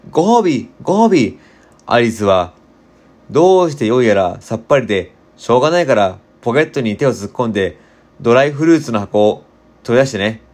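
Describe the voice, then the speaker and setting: Male reader, casual storybook narration, mid-pitched, chatty. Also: a little mellow. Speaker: volunteer reader.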